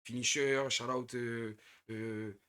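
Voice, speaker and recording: A young man from the Paris suburbs, co-hosting a live reaction stream in casual slang, often repeating words and trailing off quietly. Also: mid-range voice, steady tone, slow, a little hiss or hum. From Paris suburbs, France.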